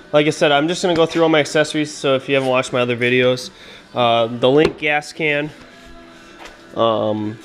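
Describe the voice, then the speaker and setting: A man from Minnesota talks slowly and easily through his machine's upgrades, filling his pauses with "uh" and "um." He films it on a head-mounted action camera in an indoor garage workshop. Faint music plays behind him. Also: medium pitch. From Minnesota, USA. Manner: relaxed and unhurried, many "uh" and "um" fillers. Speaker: snowmobile vlogger. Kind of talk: casual walkthrough of his sled upgrades.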